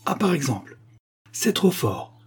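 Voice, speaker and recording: A man voicing an angry, sharp-tongued spinster who scolds with indignation. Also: medium pitch, moderate pace, husky, natural voice. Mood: indignant.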